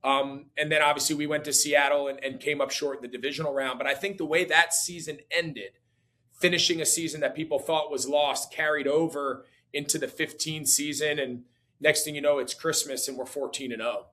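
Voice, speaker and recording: Relaxed male guest in his forties, slightly high voice, talks in looping, filler-heavy sentences. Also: a little fast. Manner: relaxed, full of fillers and restarts. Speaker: guest, former player. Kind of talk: casual conversation.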